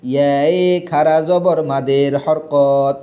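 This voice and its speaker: Male Quran reading teacher, very slow and deliberate, long stretched letters, mellow voice. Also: medium pitch, steady tone. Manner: slow drawn-out spelling, then brisk explaining. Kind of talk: Quran recitation lesson for students.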